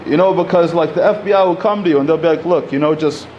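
An Egyptian-born panel speaker in his thirties talks quickly at a podium microphone in a community center hall. His slightly high voice comes through a muffled recording with a bit of hiss or hum. The delivery is conversational, with frequent fillers and restarts.

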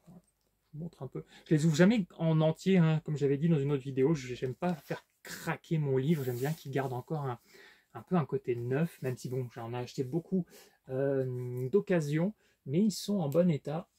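A man's voice: on the high side, normal speed, warm tone, breathy edge. A man casually showing his book collection in a vlog, talking with lots of fillers and restarts. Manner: hesitant, many fillers and restarts. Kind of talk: casual unboxing vlog chat.

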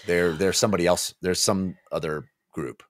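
Low and steady, this forties-aged man's voice moves at a moderate pace as he joins a book club show by video call from his home office. Chatting casually, he describes what happens in a story and occasionally performs a character's line. A close desk mic gives a dry, studio-quality sound.

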